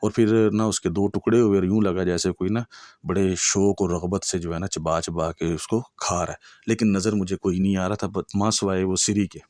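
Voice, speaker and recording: A man with a Punjabi accent and a very low, deep voice tells a spooky true story. He keeps it chatty and conversational, often checking that the listener is following. The sound is close and dry, with no room around him. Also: level tone, a little mellow, no room sound. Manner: conversational, chatty, full of checks like "okay?" and "you know". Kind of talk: storytelling a true horror tale.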